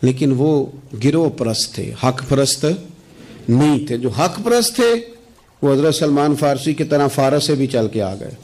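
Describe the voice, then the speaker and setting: A man preaching a sermon. He talks with passion and repeats phrases for emphasis. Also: a little mellow. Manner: impassioned, repeats phrases for emphasis, voice swells high on key points.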